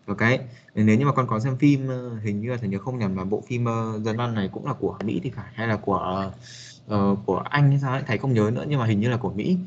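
A man with a lowish voice talks fast over lo-fi audio carrying a little hiss or hum. He's giving a casual spoken English lesson to a young student, hesitant and full of fillers, speaking to the listener as a child.

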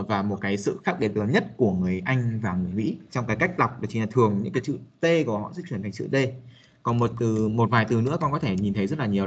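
A man's voice: fairly low pitch, slightly rough, lo-fi sound. A man teaching a casual spoken English lesson, hesitant with many fillers, talking to a young student. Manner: hesitant, many fillers, addresses listener as a child.

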